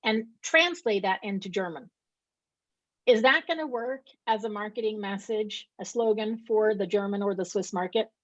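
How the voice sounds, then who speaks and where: A middle-aged woman from Sweden answers interview questions, laying out her points emphatically and often checking in with "right?". Her voice sits at an ordinary pitch for a woman. The recording is dry and a little dull, like a lo-fi call. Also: normal speed, dry recording. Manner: explanatory, emphatic, with repeated rhetorical "right?". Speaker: interview guest, company co-founder. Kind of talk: conversational interview.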